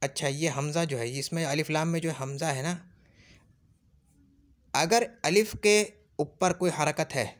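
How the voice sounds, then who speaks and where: A man's voice: a little high, unhurried, pauses often. A man teaching Arabic grammar, patiently repeating points and checking whether his listeners have understood. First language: Urdu. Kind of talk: classroom lesson.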